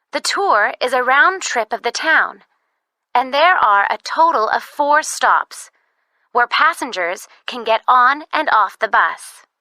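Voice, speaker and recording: A woman playing the announcer of a recorded phone message, giving scripted tourist information in a measured way. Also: fairly high pitch, bright, forceful tone, no room sound, full character voice. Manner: measured, clearly scripted presentation. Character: woman announcer on a bus tour information line.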